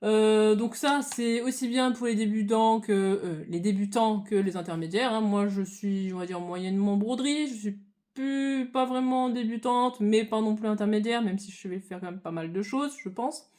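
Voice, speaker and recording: A woman's voice: mid-range voice, normal speed, warm tone. A woman vlogging about her crafts, chatting casually to viewers with many hesitations and restarts. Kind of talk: casual hobby chat to viewers.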